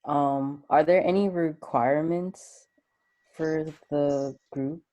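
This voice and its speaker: A woman's voice: sits low, steady tone, slow, warm tone. A woman from Jamaica asking questions in a hesitant, casual way during a video call.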